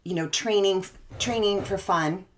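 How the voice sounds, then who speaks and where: A woman's voice: mid-range voice, a little slow. A woman co-hosting a podcast and working as a physical therapist, chatting casually and acting out her own reactions. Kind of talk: casual chat.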